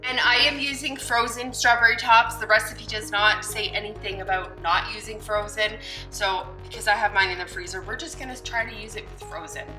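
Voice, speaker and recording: A friendly, chatty woman walks through her kitchen projects step by step. Her voice is very bright and a little sharp. She sounds like she is in a hard-surfaced home kitchen with a noticeable echo. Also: mid-range voice, fairly even intonation, fairly quick, soft background music. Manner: chatty and friendly, laughs lightly, explains plans step by step. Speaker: homesteading cooking vlogger. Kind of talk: casual kitchen vlog narration.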